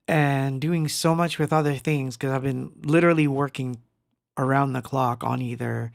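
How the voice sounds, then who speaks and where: A man's voice: fairly high pitch, vocal fry, no room sound, studio quality. A middle-aged man from Argentina hosting a casual livestream, rambling, greeting chat viewers by name and laughing often. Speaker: livestream host. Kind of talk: casual live-stream chat. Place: home studio.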